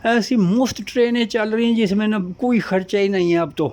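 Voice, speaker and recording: A man's voice: high-pitched, a little mellow. A man giving a casual, rambling monologue as host, piling up repeated phrases and lists.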